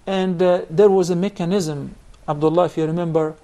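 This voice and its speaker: A man's voice: a little high, fairly even intonation, fairly quick, mellow. Man teaching Quran recitation patiently. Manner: patient, explanatory, questions students. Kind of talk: classroom instruction.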